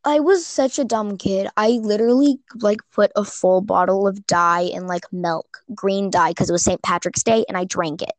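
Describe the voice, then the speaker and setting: A teenage girl co-hosting a casual podcast, excitable and prone to ranting in bursts full of "like". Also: medium pitch, moderate pace, hardly any pauses, dry recording. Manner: excitable, rants in bursts with lots of "like". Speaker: podcast co-host. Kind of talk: casual chat.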